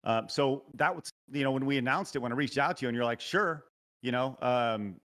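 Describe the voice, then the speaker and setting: Interviewing a guest casually over a remote call mic, a show host speaks briskly in a medium-pitched, fairly bright voice. His delivery rambles and hesitates with lots of filler and restarts, and the breaking-up audio keeps cutting out.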